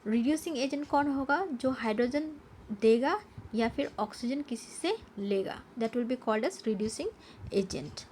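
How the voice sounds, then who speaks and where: A fairly high-voiced woman teaches a science class from slides. She poses questions to herself and answers them, and she slows down to read English definitions. A faint hiss of noise sits under the recording. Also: a little mellow. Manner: switches between Hindi and English, reading English definitions slowly. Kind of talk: slide-based lesson explanation.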